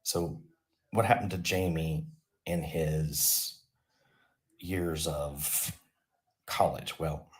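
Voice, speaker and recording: Man, deep voice, slow, deadpan, rambling comic storytelling. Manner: absurd, deadpan, off-the-cuff. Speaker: channel host.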